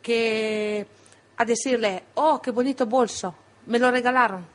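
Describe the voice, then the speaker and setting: A woman from Italy speaking Spanish with an Italian accent, her voice a touch higher than most. She talks haltingly, repeating and restarting words as she searches for them. It sounds like a radio studio interview. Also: fairly even intonation. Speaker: interview guest, former restaurant owner.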